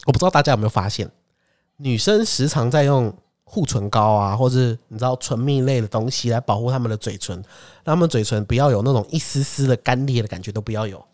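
A man's voice: mid-range voice, quick pace. A man in his twenties with a Taiwanese Mandarin accent, chatting casually and telling stories animatedly. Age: 20s. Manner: animated storyteller, acts out other people's lines. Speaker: podcast co-host. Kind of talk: casual chat.

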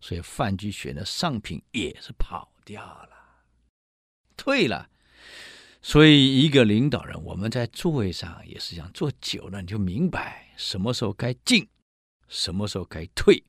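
A male lecturer and host telling history stories in an animated way, acting out the dialogue and exclaiming. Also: on the low side, normal speed, slightly rough, dry recording, clean studio sound.

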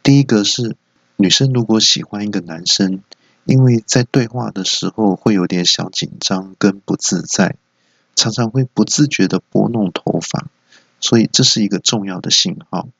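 A man's voice: normal speed, gravelly, a bit bright, slightly rough, dry recording, muffled recording. A man hosting a solo comedy podcast with a Taiwanese Mandarin accent, telling office jokes and acting out the people in them. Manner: storytelling, voices characters with high squeaky outbursts. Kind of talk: solo comedy monologue with acted quotes.

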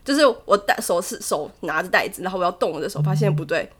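A woman's voice: on the low side, lively intonation, a bit bright, slightly rough. A woman co-hosting a podcast, telling a story in casual chat and laughing often as she talks. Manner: tells a story quickly and vividly, often laughing. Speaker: podcast co-host.

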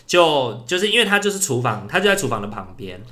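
A young man from Taiwan, a podcast co-host telling a story in casual chat, animated and acting out calls. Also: medium pitch, fast talker. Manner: animated storyteller who acts out shouted calls.

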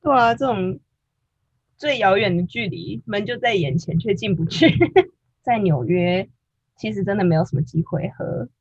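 A woman with a husky, breathy voice chats on a podcast, breaking in with short reactions and playful teasing. Her voice is recorded dry and close, with a dull lo-fi sound. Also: mid-range voice, normal speed, a little mellow, no echo. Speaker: podcast co-host. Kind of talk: casual chat.

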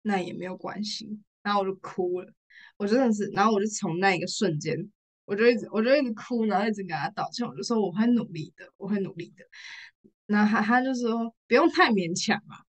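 A woman's voice: mid-range voice, quick pace. A young woman from Taiwan with a Taiwanese Mandarin accent, telling a personal story in casual chat, repeating herself and laughing through tears. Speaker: podcast guest, rehearsal studio owner.

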